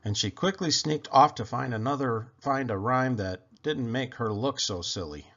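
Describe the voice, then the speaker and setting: Through a dull, lo-fi recording, a medium-pitched man narrates a children's picture book at a moderate pace, in an expressive storytelling style.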